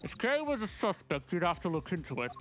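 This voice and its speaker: Man voicing a smug caller through a deep pitch-shifting voice changer. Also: big pitch swings, a little fast, soft background music. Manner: smug, teasing. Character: mocking mystery caller hiding behind a voice changer. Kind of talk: voicing a game character.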